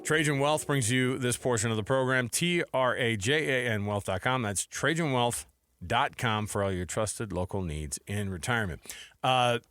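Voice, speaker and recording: A middle-aged American man hosts a sports radio show, chatting informally and conversationally about games with casual commentary. His medium-pitched voice is smooth and a bit bright at a moderate pace, recorded with no echo on a close broadcast microphone in a radio studio.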